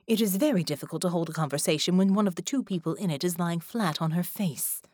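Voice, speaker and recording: An imperious ancient sea goddess, voiced by a woman narrator, speaks in slow, formal, deliberate phrases. Her tone is lofty and impatient with groveling. The storybook recording is dry and close. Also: mid-range voice, expressive, mellow, no room sound. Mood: stately. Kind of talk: audiobook character voice.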